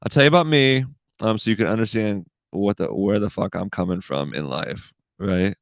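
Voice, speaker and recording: A man in his thirties hosts his own casual podcast, rambling from one thought to the next, swearing freely and tossing in "dude" constantly. His voice sits a little low with a gravelly fry. The recording is dry. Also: normal speed, no room sound. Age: 30s. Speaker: podcast host.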